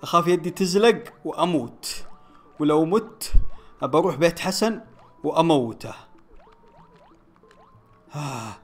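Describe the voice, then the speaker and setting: A young man, playing a platform game on his channel and commenting casually, groaning and shouting as he plays. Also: on the high side, moderate pace, long pauses. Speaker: gaming YouTuber.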